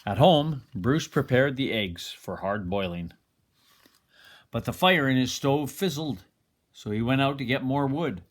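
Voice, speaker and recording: An older man reading a children's picture book aloud expressively, like a grandfather, with dramatic pauses. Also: mid-range voice, animated.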